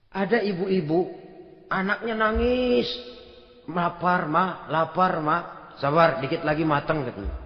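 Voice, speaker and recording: A high-voiced man tells a sermon story, acting out each voice and dropping to a near hush. The sound is dull and lo-fi, like an old tape. A long echo from a large hall hangs behind him. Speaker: Islamic preacher.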